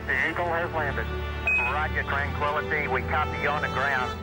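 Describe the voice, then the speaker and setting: A man giving calm, brief acknowledgements over a crackly space radio transmission. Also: on the high side, normal speed, over loud music. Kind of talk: archival mission radio exchange.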